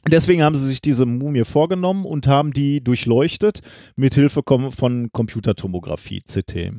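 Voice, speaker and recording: A man co-hosting a science podcast presents a story through long, casual explanations packed with ums and tag questions. His medium-pitched voice is a little mellow and moves at a moderate pace. The audio is studio quality with no room sound.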